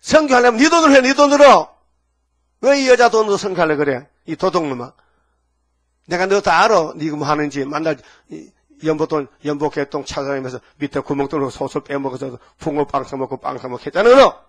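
A man voicing Jesus, who scolds a thieving disciple in a loud, shouting rebuke. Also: a little high, expressive, fairly quick. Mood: furious scolding.

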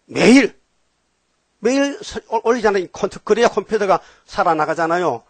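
A male pastor with a Gyeongsang accent preaches in an animated style and keeps throwing questions at his listeners. His voice sits a little high for a man. The recording is close and dry, with almost no room sound. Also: normal speed, no room sound. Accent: Gyeongsang Korean. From Gyeongsang region, Korea. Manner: animated, questions the congregation, jumps between topics. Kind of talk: sermon.

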